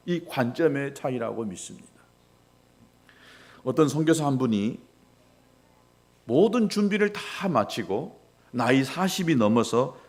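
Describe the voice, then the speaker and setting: A middle-aged male pastor preaching a sermon, swinging between loud rises and quiet drops. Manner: preaching with dramatic rises and drops in pitch and volume.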